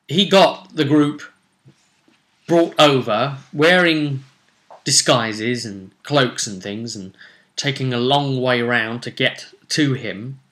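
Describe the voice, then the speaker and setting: Here a man with a medium, slightly bright voice looks back on a tabletop roleplaying session he ran as game master. He narrates what happened and thinks out loud, posing rhetorical questions along the way.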